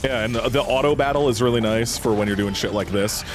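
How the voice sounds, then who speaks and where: A man's voice: mid-range voice, fast. Blunt, sweary male streamer over game music. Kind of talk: casual live stream commentary.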